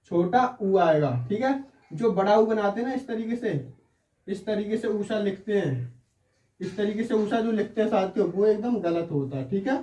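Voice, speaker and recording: A man's voice: sits high, mellow. A man teaching Hindi spelling in an online lesson. He goes through the words one by one and keeps checking in with his listeners. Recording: roomy sound, mic at a distance.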